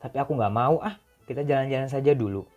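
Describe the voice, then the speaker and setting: A man's voice: lowish voice, fast talker, dull audio, soft background music, natural voice. A man voicing a young woman cousin who is stubborn and fond of joking. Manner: insistent, teasing.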